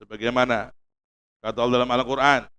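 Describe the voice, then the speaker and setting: A man preaching in a large mosque with a Javanese accent, swinging between loud emphasis and hushed pleading. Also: mid-range voice, flat delivery, a little fast, smooth. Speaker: Islamic preacher. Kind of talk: sermon.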